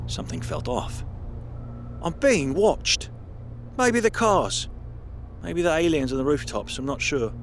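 A man voicing a young male artist on a phone call, talking in an animated, playfully teasing way, his voice raised above his narrating tone. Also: on the high side, unhurried, long pauses, faint music behind, pitched above the performer's own voice. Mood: uneasy. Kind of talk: audio drama acting.

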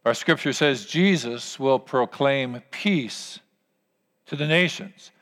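A man preaching a sermon as pastor, with earnest, emphatic phrasing and deliberate pauses. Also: medium pitch, a bit bright. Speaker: pastor leading a church service. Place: large church hall. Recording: long hall reverb.

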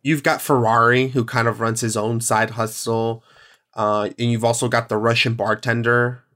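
A man's voice: mid-range voice, flat delivery, moderate pace, sharp tone. Rambling, enthusiastic male podcast host. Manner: rambling, filler-heavy, enthusiastic. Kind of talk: casual chat.

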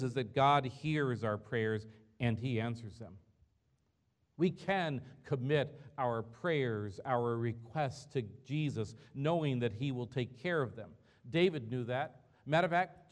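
A man's voice: medium pitch, expressive, a little slow. A man pastor preaching a sermon in a church, earnest and conversational, asking the congregation rhetorical questions.

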